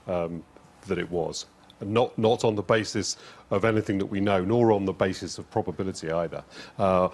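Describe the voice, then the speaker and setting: A man giving political commentary as a studio guest, reasoning deliberately with frequent pauses. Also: sits low, darkish tone.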